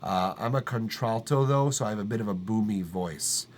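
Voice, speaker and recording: Hosting a casual live-stream chat that gives music feedback, a laid-back male streamer talks in a lowish tenor voice at a moderate pace. He's loose and profane, rambling with lots of ums, fillers and restarts. He records in an acoustically treated home studio room, with a little hiss or hum.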